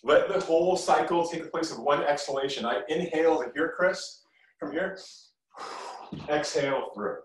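Middle aged guy teaching kung fu, short commands n encouraging feedback, kinda high voice, echoey living room. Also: moderate pace. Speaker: martial arts instructor. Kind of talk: live kung fu class instruction. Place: medium-sized living room, indoors. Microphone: camera across the room. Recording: roomy echo, distant mic.

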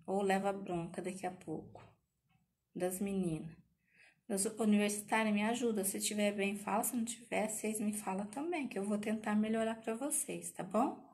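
Woman over fifty, craft teacher, chatty, keeps asking viewers "okay?", middle-pitched voice. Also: normal speed, darkish tone. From Paraná, Brazil. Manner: chatty, emotional, speaks to viewers with many tag questions. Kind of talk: live craft tutorial.

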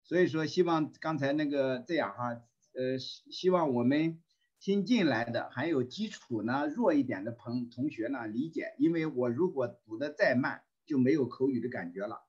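Teaching a volunteer English class via online call, a man reads phrases at a slow pace and repeats them, filling gaps with fillers and throat clearing. His mid-range voice is expressive and darkish, and the sound is lo-fi.

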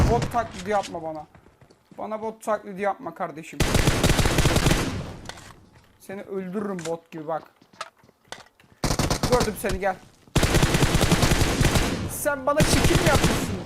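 A man giving excitable, swearing live gameplay commentary on a cheap microphone. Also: sits high, very noisy. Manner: excitable, shouting, swearing, repeating himself. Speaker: gameplay streamer. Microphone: cheap poor-quality microphone. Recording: loud gunfire over a cheap mic. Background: loud game gunfire and clicks.

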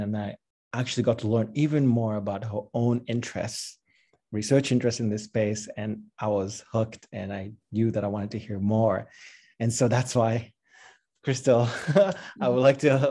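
A man in his forties introduces a guest over a video call, his voice dark and mellow. He talks in a friendly, halting way, often starting phrases over. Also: fairly low pitch. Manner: warm, halting, with restarts and laughs. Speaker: host. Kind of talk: casual spoken introduction. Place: home room with bookshelves.

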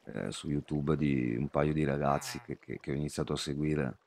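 A man's voice: very deep voice, steady tone, normal speed, creaky, darkish tone. A young man chatting casually to his viewers while streaming a game, rambling through personal anecdotes. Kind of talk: casual live-stream chat while gaming.

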